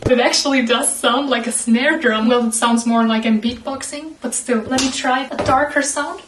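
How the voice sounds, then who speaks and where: A woman animator giving a casual voice-over walkthrough of her work, chatty and self-deprecating with quick laughs. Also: high voice, fairly even intonation, background noise. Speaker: animator and video creator.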